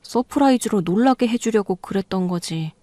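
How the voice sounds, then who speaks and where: A woman's voice: mid-range voice, lively intonation, moderate pace, mellow, dry recording, natural voice. A woman voicing a clueless, defensive husband. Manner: defensive, pleading. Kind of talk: storytelling radio reading.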